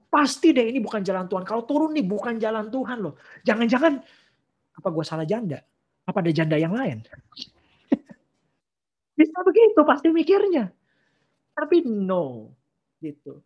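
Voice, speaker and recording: A woman's voice: on the low side, husky. A woman giving a casual online sermon. She mixes in slang and English phrases and acts out the people in the story with playful voices. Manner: lively, acts out Bible figures in playful voices. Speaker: preacher.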